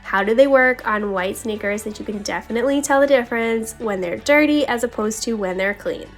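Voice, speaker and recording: A home vlogger narrates a voice-over in a casual, chatty, confiding way, addressing viewers directly. Her voice is a little high and a little fast, slightly scratchy, as though she needs to clear her throat. Background music plays.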